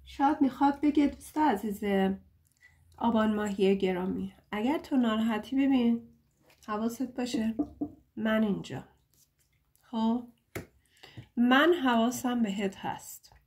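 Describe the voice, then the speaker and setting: A woman's voice: a little high, pauses often, a little mellow. Chatty, playful woman reading tarot. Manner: chatty and playful, joking and laughing at herself; affectionate, pleading with listeners. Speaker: tarot reader. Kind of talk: casual tarot reading to camera.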